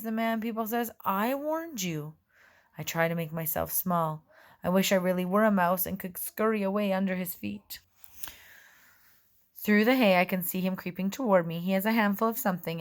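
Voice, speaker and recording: Gentle woman reading a storybook. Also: lowish voice. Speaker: audiobook reader. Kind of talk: first-person storybook narration.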